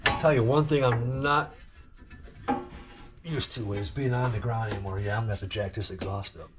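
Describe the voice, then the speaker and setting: A man's voice: mid-range voice, moderate pace. A man doing a casual restoration vlog, chatting to the camera while he wrenches on a car in his home garage, with no clip-on mic. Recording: noisy garage with tool clicks.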